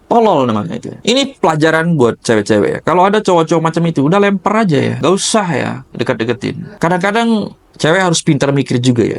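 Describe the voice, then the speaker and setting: A man giving a blunt motivational rant, scolding and crude as he confronts the listener. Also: on the high side. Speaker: motivational speaker.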